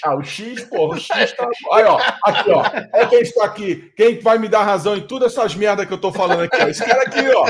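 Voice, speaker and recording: A man's voice: high-pitched, fast talker, hardly any pauses. A man from Brazil telling a story in casual chat, swearing freely and acting out the voices of the people in it. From Teresópolis, Brazil. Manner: animated, swearing, acts out voices in anecdotes.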